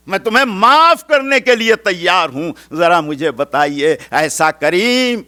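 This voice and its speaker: A man preaching a storytelling sermon in a mosque, impassioned, moving from loud cries to hushed pleading. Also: a little high.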